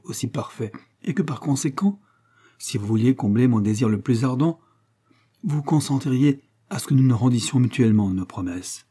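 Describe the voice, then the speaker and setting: A man voicing a flattering, scheming middle-aged fortune hunter in a storybook reading, with a gushing, wheedling delivery. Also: mid-range voice, slightly rough.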